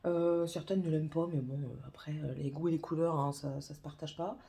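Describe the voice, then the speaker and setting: A mother chatting casually in a home vlog, rambling and hesitant, with lots of pauses as she talks. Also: low voice, steady tone, gravelly, warm tone.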